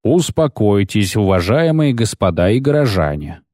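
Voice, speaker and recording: A man's voice: fairly low pitch, big pitch swings, moderate pace, darkish tone, dry recording, clean studio sound. A man playing a doleful court official. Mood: proclaiming. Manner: formal, dreary, proclamatory. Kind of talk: audiobook character voice.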